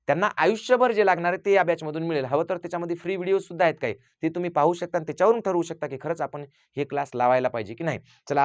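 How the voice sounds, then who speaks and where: Brief: brisk male teacher, slightly high voice, quizzes his listeners and answers his own questions. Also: no echo. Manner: rhetorical questions answered himself; acts out children's quoted lines. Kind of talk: parent advice talk.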